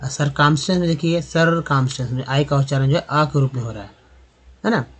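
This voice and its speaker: A man giving a spoken lesson on reading English, explaining slowly with many fillers and repetitions. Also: a little high, slightly rough. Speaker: English teacher.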